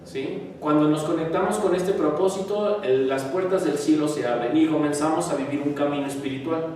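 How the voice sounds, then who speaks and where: A man giving a spiritual talk, swinging from loud emphasis to quiet asides. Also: fairly high pitch, moderate pace, slight background noise. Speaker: spiritual teacher. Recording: echoey hall, mic far off.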